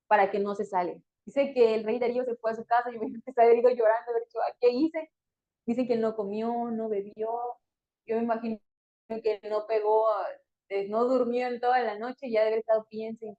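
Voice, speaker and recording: A woman teaching a Bible story in a conversational way, with fillers and small laughs between phrases. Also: fairly high pitch. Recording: dull lo-fi recording.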